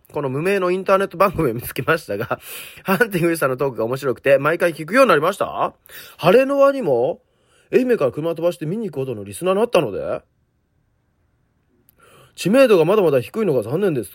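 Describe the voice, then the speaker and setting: Male podcast host, forties, Kansai accent, high-ish voice, excitable and quick-tongued. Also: no room sound, clean studio sound. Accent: Kansai Japanese. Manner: excitable, gushing, mock-grumpy retorts. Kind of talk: casual chat reading listener messages.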